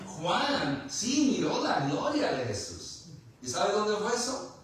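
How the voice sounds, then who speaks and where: A man's voice: high-pitched, very animated, slow, slight background noise. A man preaching a sermon, asking the congregation questions and mixing in light humor. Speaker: pastor. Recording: echoey room from far off.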